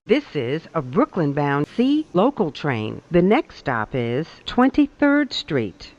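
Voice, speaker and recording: A woman giving recorded train announcements over an intercom, measured and carefully enunciated. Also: deep voice, very animated, darkish tone, muffled recording. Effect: played over a train intercom. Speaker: transit announcer.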